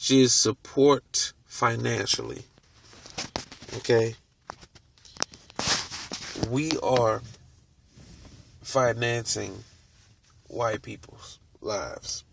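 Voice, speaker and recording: A man hosting a video, reading from a book aloud and stopping to comment on it in a deliberate way. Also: mid-range voice, vocal fry, slight background noise. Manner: deliberate, stops to comment on what he reads. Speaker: video host.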